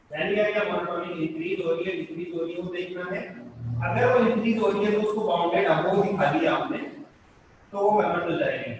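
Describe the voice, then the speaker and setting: A man teaching a math lecture, explaining step by step and asking and answering his own questions. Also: high-pitched. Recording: echoey hall, distant mic, faint room noise.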